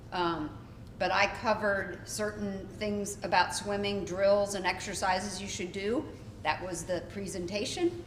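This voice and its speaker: A woman's voice: medium pitch, a bit bright. A woman who is a swim coach, announcing a clinic in a friendly, practical way. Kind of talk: casual announcement. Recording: echoey room, faint noise.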